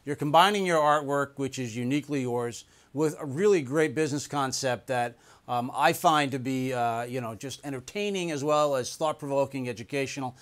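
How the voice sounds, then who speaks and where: A man's voice: medium pitch, normal speed, hardly any pauses. A middle-aged man hosting an interview in a studio, complimentary and enthusiastic. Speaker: host. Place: studio set, indoors.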